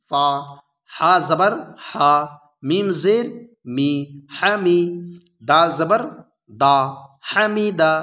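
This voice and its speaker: A man teaching Quran reading, drilling letters slowly and asking and answering his own questions. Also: on the high side, pushed and bright. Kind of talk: slow recitation lesson with drills.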